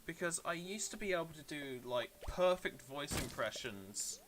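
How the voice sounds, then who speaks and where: On the high side and animated, a British man's voice moves at a moderate pace over background noise. He's streaming a game and answering viewers in relaxed, rambling chat full of self-deprecation.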